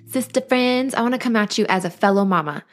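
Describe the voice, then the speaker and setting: A woman in her thirties, a mother and life coach, hosts her own podcast in a casual solo monologue. Her voice is fairly high and quick, and her manner is earnest, bubbly and chatty.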